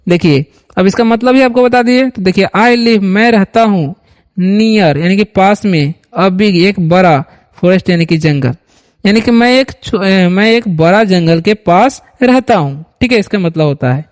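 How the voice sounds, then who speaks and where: Male tutor, slow repeat-after-me delivery, high pitch, reverberant room. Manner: slow, repeats words for students to echo. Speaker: English teacher. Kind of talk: Hindi-medium reading lesson. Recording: long hall reverb.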